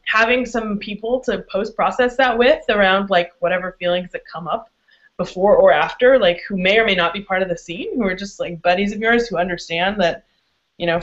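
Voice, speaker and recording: Frank guest in dull lo-fi audio. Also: female voice, lowish voice. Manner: frank and profane, with quick laughs and restarts. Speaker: guest expert. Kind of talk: candid interview answers.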